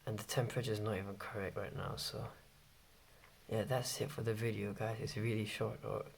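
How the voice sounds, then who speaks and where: Hushed, creaky-voiced late-night vlogger. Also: mid-range voice, flat delivery, fairly quick. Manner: speaking very quietly, hushed as if at night while others sleep. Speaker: vlogger reviewing gadgets. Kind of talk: casual hushed vlog chat. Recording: noisy home recording with clicks.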